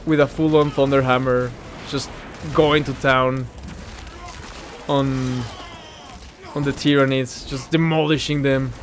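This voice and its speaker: A man's voice: medium pitch, flat delivery, slow pace. A man giving casual, rambling game commentary while he plays, easily sidetracked by the action. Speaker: gaming video host. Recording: clear background game noise.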